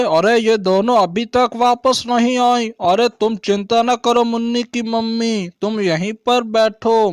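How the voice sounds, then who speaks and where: A man's voice: high voice, clear, resonant tone, no echo, clean studio sound. A man playing a worried village father in a doll story, exclaiming often.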